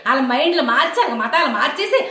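Woman, very high bright voice, fast heated scolding rant, roomy echo. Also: animated. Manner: scolding, heated and insulting, with taunting questions. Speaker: online commentator. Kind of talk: angry rant to camera.

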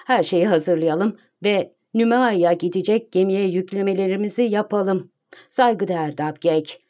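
Lady reading as a smug showy gentleman thief, teasing, mellow low tone, audiobook. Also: lightly acted. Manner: teasing, theatrical showman. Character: mocking, cocksure male gentleman thief.

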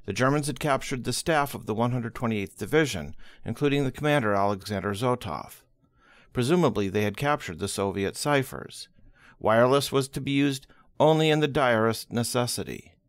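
Expressive male audiobook reader. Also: mid-range voice, moderate pace, no echo, clean studio sound. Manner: expressive, dramatic reading of quotes. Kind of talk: audiobook narration of history.

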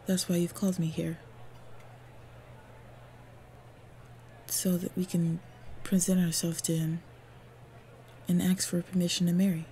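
A woman voice actor performs intimate roleplay audio as a devoted, protective female orc warrior girlfriend, mellow, hopeful and tender. Her voice is fairly low, level and close to everyday speech at normal speed, delivered softly, earnestly and often breathily. Ambient sound effects create clear background noise.

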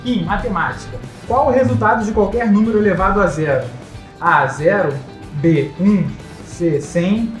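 A woman's voice: medium pitch, normal speed. A Brazilian woman hosting a quiz, reading out questions and answer options. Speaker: quiz host. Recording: echoey, light music behind.

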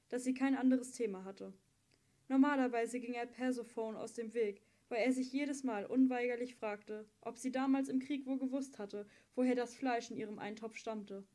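A woman reading a novel aloud as an audiobook narrator, with steady, measured storytelling. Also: a little high. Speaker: audiobook reader.

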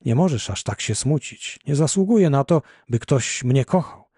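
A man's voice: medium pitch, animated, normal speed, warm tone, breathy edge, no echo, clean studio sound. A man reading an audiobook, voicing an unhappy, self-reproaching woman who is ending her marriage. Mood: pleading.

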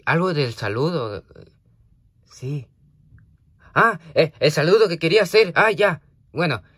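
A man's voice: medium pitch, a bit bright, dry recording. A man vlogging casually, rambling hesitantly with many fillers and restarts as he talks to a toy companion. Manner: hesitant, full of fillers and restarts, scolding then apologetic. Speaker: vlogger talking to a toy creeper.

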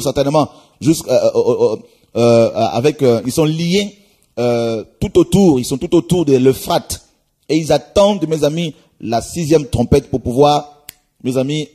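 A man preaching a sermon, reading scripture aloud and exhorting his listeners, often repeating "my friends" and pausing with hesitations. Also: a little high, mellow, breathy edge. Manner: exhorting, repeats "mes amis", many hesitations.

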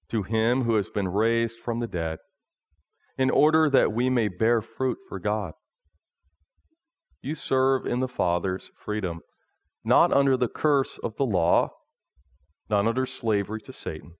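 A man in his thirties, a pastor preaching a sermon from a lectern in a small church, in a slow, measured delivery. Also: mid-range voice, no echo, studio quality. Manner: slow, measured preaching, often reading from notes.

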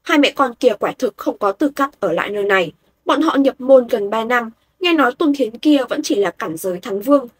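A woman voicing a disdainful young male disciple, dismissive, husky voice. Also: a little high, expressive, brisk, no room sound.

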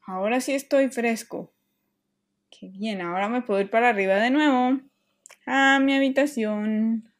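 A woman's voice: fairly high pitch, measured pace, lightly acted. A woman voicing a restless, mischievous boy who complains dramatically, in a children's toy play story. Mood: relieved.

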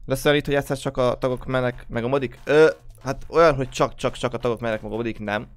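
A man's voice: mid-range voice, steady tone, soft background music. A young man hosting a game livestream, just woken up, greeting viewers one by one in casual chat. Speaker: livestream host.

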